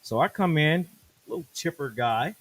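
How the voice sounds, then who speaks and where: A man's voice: on the high side, normal speed. A man hosting a music show, telling a story in a casual way and acting out the voices of the people in it. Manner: animated, acts out quoted voices. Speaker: host. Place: radio studio.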